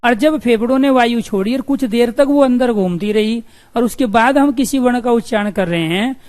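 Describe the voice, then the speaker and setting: A man teaching Hindi grammar to exam students, repeating the letter sounds and often checking with "clear?". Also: very high-pitched, moderate pace, a little mellow. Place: room with two windows and an open door.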